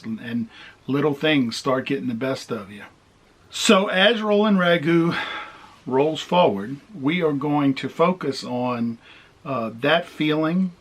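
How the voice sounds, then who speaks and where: Candid reflective male RV vlogger. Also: a little high. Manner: candid, reflective, soft-spoken asides. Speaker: RV travel vlogger. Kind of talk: casual vlog talk to camera.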